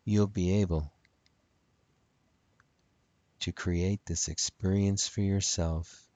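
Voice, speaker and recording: Slow, deep-voiced man guiding hypnosis. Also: steady tone, a little mellow, no echo. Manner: soothing, repetitive, measured phrasing. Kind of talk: guided hypnotic relaxation.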